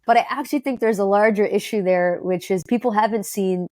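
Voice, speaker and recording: A woman from Detroit, talking as an interview guest in an upbeat, quick way with many fillers and restarts. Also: mid-range voice, a little mellow, no echo. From Detroit, United States. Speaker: guest, company co-founder. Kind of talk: conversational interview.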